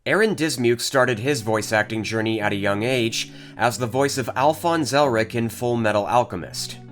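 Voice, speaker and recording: A man's voice: mid-range voice, normal speed. A man reading scripted narration as the host of a video. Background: guitar music.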